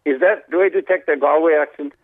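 A man with a North Cork Irish accent and an American twang, chatting casually and haltingly as a guest, with repeated words. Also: on the high side, no echo. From North Cork, Ireland. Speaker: radio phone-in guest, pub owner. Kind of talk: casual chat. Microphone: telephone. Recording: narrow-band radio phone line.

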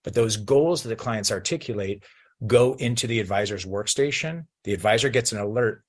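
A man with a fairly low, husky voice speaks as an interview guest. He explains things in a conversational way. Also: a little fast. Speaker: guest, financial industry professional.

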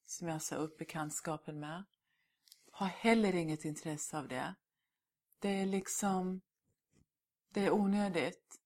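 A middle-aged woman answering interview questions in a candid, emphatic way, slipping in English words. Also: deep voice.

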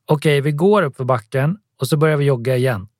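A man's voice: on the high side, a little mellow, dry recording, studio quality, pitched above the performer's own voice, lightly acted. A male audiobook narrator voicing an encouraging young man urging a friend on during a run. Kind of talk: audiobook dialogue reading.

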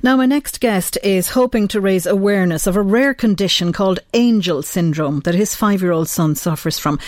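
A woman radio host speaks in a west of Ireland accent, interviewing in a conversational style. Her voice is mid-pitched and recorded close and dry, with very little room sound. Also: normal speed, a little mellow, no echo. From Galway, west of Ireland.

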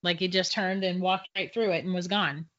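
Bright-voiced chatty middle-aged woman. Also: fairly low pitch, fairly even intonation, normal speed. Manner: chatty, laughs through her stories. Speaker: guest psychic medium. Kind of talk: casual storytelling. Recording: dull lo-fi sound.

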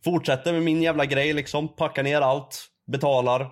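A young man on a casual podcast, telling a story with lots of swearing, acting out the other people in it. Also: a little high. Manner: animated storytelling, swearing, acting out a shouting clerk. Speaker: podcast co-host.

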